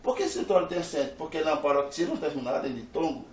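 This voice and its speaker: Brazilian guy teaching grammar, kinda high voice, stands back from the mic, loud stressed syllables. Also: big pitch swings, quick pace. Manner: emphatic, loudly stresses syllables, repeats the rule. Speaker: Portuguese teacher. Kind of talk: grammar lesson. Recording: echoey room, distant from the mic.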